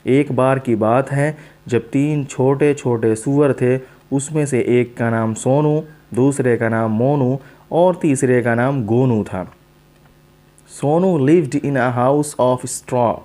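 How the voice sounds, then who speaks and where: A man teaching English vocabulary to students, reading a story line by line and explaining each word slowly and with repetition. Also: mid-range voice, mellow. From South Asia. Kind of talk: teaching English to Hindi speakers.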